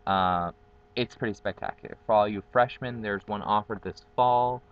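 Sitting outdoors on a tree-lined patio, a young adult from Guatemala whose first language is Spanish introduces himself as a college dorm community facilitator. His casual, upbeat vlog is full of ums, shot in close framing with the built-in webcam mic. He speaks on the low side at a moderate pace, smooth, though the highs are cut off.

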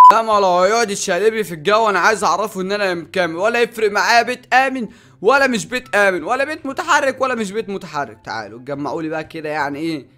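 An Egyptian man commentating a Minecraft game in a high, lively voice that leaps all over his range. He rattles along quickly and shouts when something startles him. Faint music plays behind him. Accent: Egyptian Arabic. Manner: excitable, shouting and yelping at sudden dangers. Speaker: gaming YouTuber.

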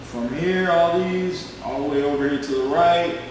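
Twenty-something guy bragging thru a screen recording, kinda high voice, roomy echo. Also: normal speed, slight background noise. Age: 20s. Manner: pushy, repetitive, boastful. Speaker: network marketing recruiter. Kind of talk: screen-recorded sales pitch.

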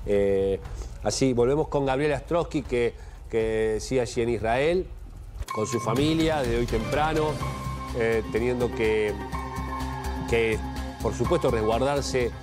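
Middle-aged Argentine male anchor, studio lapel mic, steady mid pitch, faint music bed. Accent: Argentine Spanish. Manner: measured, thinking aloud with fillers. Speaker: news anchor. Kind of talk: live studio panel discussion. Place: TV news studio.

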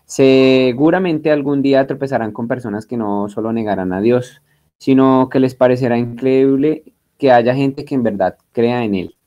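In lecture style, a man teaches a Bible class, spelling out terms, checking that students are following, and joking as he goes. His mid-range voice is warm, at a normal speed, with the highs cut off. He's chatty and jokey, restarting often.

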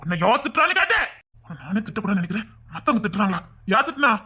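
A woman's voice: medium pitch, big pitch swings, very fast, sharp tone, breathy edge. A woman with a Tirunelveli Tamil accent acting in a comedy skit, coaxing and pressing with questions. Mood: insistent.

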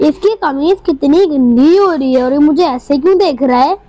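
Speaking in a high voice at a moderate pace, a woman hosts a gaming channel with lighthearted, jokey commentary. Every so often she breaks into frantic, excited outbursts.

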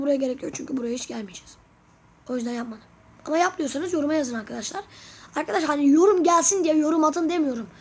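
A woman's voice: high voice, slight background noise. A woman YouTuber chatting casually through a gameplay tour, constantly addressing her viewers and asking them to comment. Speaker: gaming YouTuber.

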